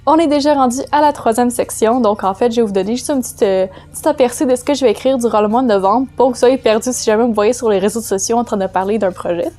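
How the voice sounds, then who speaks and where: In a relaxed tutorial vlog, a woman with a Quebec French accent shares writing tips. Her voice is slightly high, and she explains loosely and chattily, often pausing and hesitating as she searches for words.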